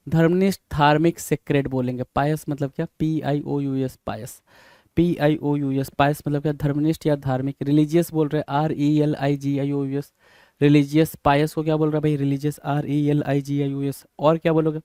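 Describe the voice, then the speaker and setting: Man, vocabulary teacher, spells words out, mellow, smooth, dry close sound. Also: on the high side, dry recording. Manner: drills words by spelling them out letter by letter; keeps asking "bhai?" as a rhetorical prompt. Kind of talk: exam-prep vocabulary lesson.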